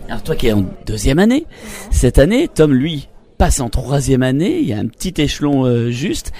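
Male interview host with a mellow voice. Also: mid-range voice, wildly swooping pitch, moderate pace. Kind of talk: chatty broadcast interview.

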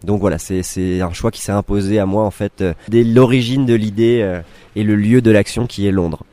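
Male director guest, low, mellow voice, relaxed talk with restarts, dry sound. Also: normal speed. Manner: relaxed explaining, with restarts and fillers. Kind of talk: casual studio interview.

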